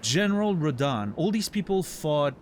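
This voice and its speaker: Speaking at a moderate pace with a sing-song lilt, the streamer's voice sits on the high side against slight background noise. He's a man with a French accent, French being his first language, casually narrating his play and answering chat with playful fake outrage.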